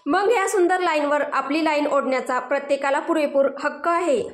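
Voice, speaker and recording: A cocky male bodyguard in a spoken story, smug and teasing, with a woman reader doing the voice. The voice is high, heard in a room with an echo. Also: brisk, close to an everyday voice.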